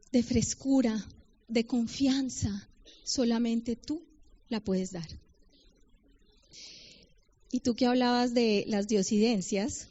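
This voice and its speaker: A middle-aged Colombian woman giving a personal testimony sermon to a women's gathering, with humor between slow readings of scripture. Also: a little high, warm tone. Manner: personal testimony with humor, reads Bible verses slowly. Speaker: women's ministry speaker. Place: conference hall. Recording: dull lo-fi event recording.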